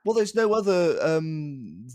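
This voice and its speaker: A man's voice: on the high side, big pitch swings, takes it slowly, a little mellow, dry recording. A young man co-hosting a casual podcast, ranting in exasperation and restarting his sentences. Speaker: podcast co-host.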